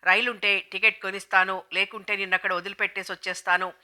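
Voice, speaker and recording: A woman's voice: medium pitch, little pitch movement, fast, sharp tone. A woman reading as a furious, menacing husband. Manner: menacing, snarling commands. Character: furious husband threatening his wife with a knife. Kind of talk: audiobook dialogue reading.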